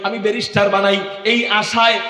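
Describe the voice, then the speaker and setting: A man with a Bangladeshi Bengali accent preaching a waz sermon to a crowd, shouting with passion and firing rhetorical questions, now and then chanting Arabic verses. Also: sits high, flat delivery, moderate pace. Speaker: Islamic preacher. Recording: echoey PA sound with long reverb.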